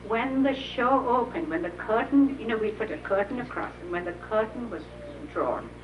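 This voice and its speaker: A woman's voice: fairly high pitch, animated, far from the mic. An older woman reminisces at an easy pace, chuckling as she tells a story to a small gathering. The sound is an old VHS tape, muffled and hissy. She is picked up from across an echoey room. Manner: chuckling, unhurried storytelling with frequent laughs. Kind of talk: reminiscing anecdote told to a small audience.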